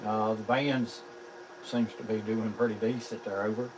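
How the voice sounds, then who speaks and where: Ham operator amid radio noise. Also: male voice, fairly low pitch, flat delivery, moderate pace. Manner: plain-spoken, folksy, repeats phonetic call signs. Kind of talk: ham radio calling and casual contact. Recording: clear background radio noise. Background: radio static.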